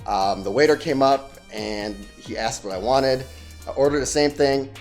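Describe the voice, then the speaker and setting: A man talking through a travel vlog, telling his stories in a chatty, animated way with plenty of fillers. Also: medium pitch, normal speed, creaky, faint music behind. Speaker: travel vlogger. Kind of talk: casual travel vlog narration.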